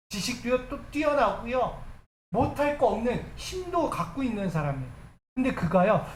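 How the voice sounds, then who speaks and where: A man's voice: very high voice, a little hiss or hum. A male pastor delivering a Sunday sermon, acting out the quoted lines in a dramatized voice. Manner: preaching with acted quotes of Moses. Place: church sanctuary. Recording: echoey church with faint ambience.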